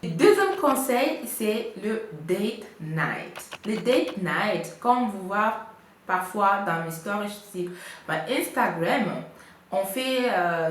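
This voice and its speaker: A woman giving couple advice in a casual vlog, chatty and full of hesitations. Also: mid-range voice. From Congo. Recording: echoey room, faint noise.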